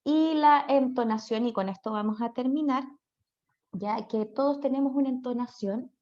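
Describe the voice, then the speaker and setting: A Chilean woman teaching an online class, her voice sitting a little higher than most. She talks in a chatty way and keeps checking in with her students through quick tag questions. The audio is dull and lo-fi. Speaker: speech therapy lecturer.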